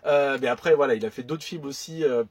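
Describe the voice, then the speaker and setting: Husky, hesitant man chatting. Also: mid-range voice, brisk, a little mellow, no room sound. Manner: hesitant, many fillers and restarts. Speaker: film collector youtuber. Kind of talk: casual chat about his disc purchases.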